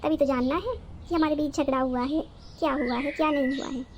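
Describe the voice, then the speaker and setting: A woman voices the resentful daughter-in-law of a cartoon family story, a combative young wife with a sharp tongue and a high voice who scolds and mocks at every turn. Angry, sarcastic, and quarrelsome, she speaks a little fast in a steady tone, over dull audio with a little hiss or hum.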